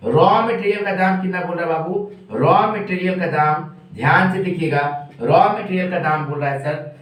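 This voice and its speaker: A man teaching an online commerce lesson, speaking slowly because he is a little unwell. He keeps asking questions and answering them himself. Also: a little high, fairly even intonation, a bit bright. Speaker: commerce tutor. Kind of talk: online lecture working through a problem. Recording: very echoey room, distant mic.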